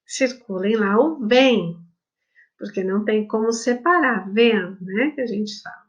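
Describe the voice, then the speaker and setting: A woman's voice: medium pitch, measured pace, muffled recording. A woman primary school teacher giving a remote lesson to children, affectionate, drawing out words and spelling them letter by letter, with a Brazilian Portuguese accent. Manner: affectionate, addresses pupils as "my loves".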